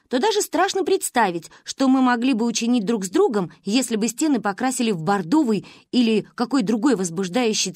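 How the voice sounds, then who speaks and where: Expressive woman reading an audiobook. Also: a little high, no echo, clean studio sound. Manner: expressive, lively storytelling. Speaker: narrator. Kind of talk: audiobook narration.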